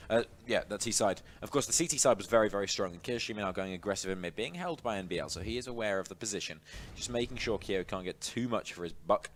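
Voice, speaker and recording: A man giving live esports match commentary, excitable and emphatic. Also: on the low side. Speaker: esports caster.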